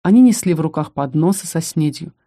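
Mellow woman narrating an audiobook. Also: low voice, a little fast. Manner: expressive storytelling. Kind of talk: first-person audiobook narration.

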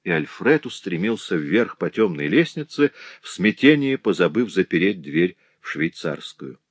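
A low-pitched man reads a classic novel aloud in a measured, lightly theatrical way. The recording is dry and close, with no room echo. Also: big pitch swings, slightly rough. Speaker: audiobook narrator. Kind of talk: scripted literary narration.

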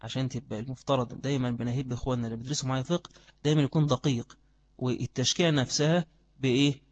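A man's voice: mid-range voice, fairly even intonation, rapid-fire, dull audio. A man with an Egyptian accent teaching Islamic law in a classroom lecture, quizzing his students with repeated questions and then answering them himself. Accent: Egyptian Arabic. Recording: long reverb of a hall.

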